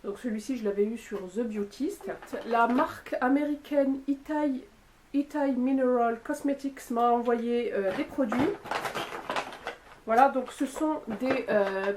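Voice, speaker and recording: A woman's voice: a little high, measured pace, background noise. Chatty French-speaking woman, beauty haul. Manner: chatty, with frequent fillers and "voilà". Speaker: beauty youtuber. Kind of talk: casual product haul talk to camera.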